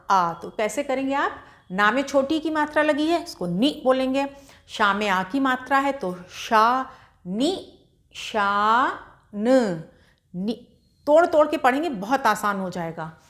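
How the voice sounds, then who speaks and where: A woman's voice: sits high, a bit bright. A woman teaching beginners to read, patiently sounding out each syllable and then blending them into whole words, with encouraging questions to her learners. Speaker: Hindi reading teacher. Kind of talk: slow, patient spelling-out lesson.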